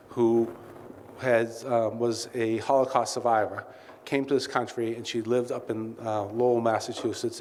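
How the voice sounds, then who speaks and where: A man with a medium, slightly mellow voice welcomes clients as CEO at an event, sharing candid anecdotes full of asides. The hall is reverberant, with faint ambient noise.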